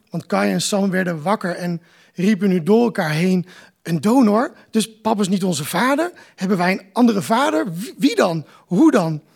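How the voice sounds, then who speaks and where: A man, the author, reading aloud from his novel in a measured, calm way at a live book presentation. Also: sits high, creaky.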